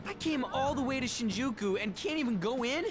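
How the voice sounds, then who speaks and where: A man's voice: extremely high pitch, animated, a little fast. A man playing a brash teenage delinquent in a video game, blunt, slangy and whiny. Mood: grumbling. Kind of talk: video game dialogue acting. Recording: background music under dialogue.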